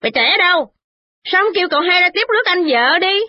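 A woman voicing a sharp-tongued, nagging young wife who whines and mocks. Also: very high voice, animated, a little fast, a little hiss or hum, voice pushed up. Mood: sarcastic. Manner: whiny, nagging, sarcastic. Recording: dull lo-fi recording.

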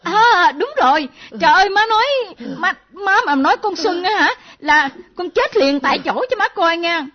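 A woman playing an excitable young adult daughter who exclaims and teases. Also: very high voice. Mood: excited. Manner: quick, exclaiming, teasing. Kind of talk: radio drama acting. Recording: dull lo-fi recording.

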